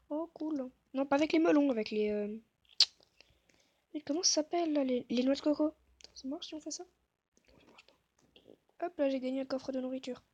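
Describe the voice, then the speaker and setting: A woman giving casual gameplay commentary, talking softly to herself and the viewers with self-mocking asides. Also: high voice, dull audio. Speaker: gaming video creator.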